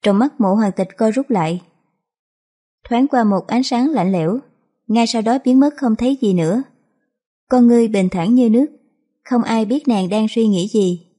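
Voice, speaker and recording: A woman narrating a dramatic story in a slow, measured reading voice. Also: fairly high pitch, warm tone.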